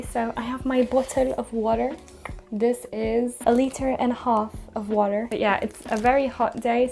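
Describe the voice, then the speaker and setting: A woman in her twenties talks casually while she does her makeup, rambling with little asides. Her voice has a gravelly fry at its edges, sitting at a middle pitch for a woman. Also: darkish tone. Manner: chatty, rambling with small asides. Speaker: beauty vlogger. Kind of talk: casual makeup tutorial chat.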